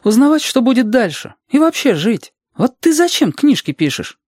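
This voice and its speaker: A reader voicing Reshka, an eager, anxious boy guide, in a high, pleading, restless voice in an audiobook. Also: sing-song, moderate pace, darkish tone, slightly rough, no echo, studio quality. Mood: earnest. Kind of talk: audiobook reading.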